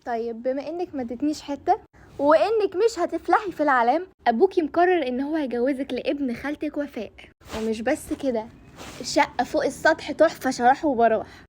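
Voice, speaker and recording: A woman's voice: high voice, lively intonation, darkish tone, slight background noise. A woman playing a nagging study conscience. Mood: taunting. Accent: Egyptian. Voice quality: quick, teasing, lecturing delivery. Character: nagging female study conscience, scolding and sarcastic. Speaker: comedy sketch creator. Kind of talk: comedy sketch.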